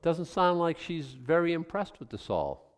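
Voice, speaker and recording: A man's voice: fairly high pitch, sing-song, unhurried, long reverb tail. A male pastor teaching a Bible passage in a conversational way, musing aloud about his own guesses and chuckling as he goes.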